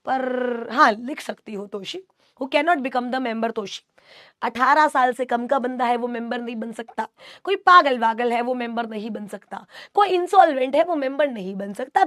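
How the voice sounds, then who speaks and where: A woman's voice: sits high, no echo, studio quality. A woman teaching an online exam coaching class, reading students' chat questions aloud and answering with playful teasing.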